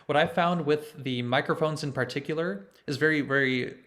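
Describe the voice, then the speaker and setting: A man's voice: a little high, normal speed, a bit bright. Thoughtful man lecturing over a video call. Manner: thoughtful, explanatory, restarts often. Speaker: conductor presenting to a choir. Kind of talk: online lecture with chant demonstration.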